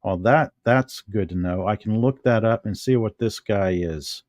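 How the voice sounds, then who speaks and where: Slow-talking American man, low voice. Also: a little mellow, dry recording, clean studio sound. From United States. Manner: unhurried, musing, talks to himself while handling objects. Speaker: vlogger. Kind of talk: casual show-and-tell vlog.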